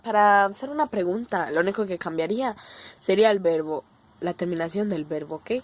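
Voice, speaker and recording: A woman's voice: medium pitch, fairly quick. Colombian woman teaching a language lesson. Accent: Colombian Spanish. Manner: explains step by step, often checking with "¿ok?" and "¿cierto?". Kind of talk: casual online lesson.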